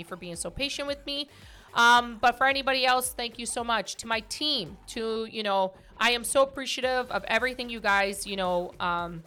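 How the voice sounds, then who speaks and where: Woman podcast host, bright tone, casual and rambling with fillers. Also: mid-range voice. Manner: chatty, warm-hearted, many fillers and restarts.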